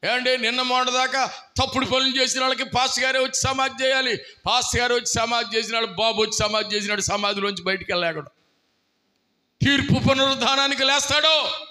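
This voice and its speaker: Fiery high-voiced pastor preaching. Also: male voice, steady tone, fast. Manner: fiery preaching, shouting out bursts and acting out voices. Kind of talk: sermon. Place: church hall.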